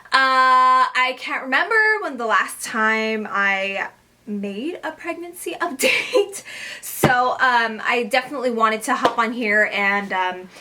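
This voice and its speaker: A woman's voice: on the high side, bright, forceful tone. A woman vlogging to camera in a casual, chatty way, a little short of breath, with plenty of fillers and restarts.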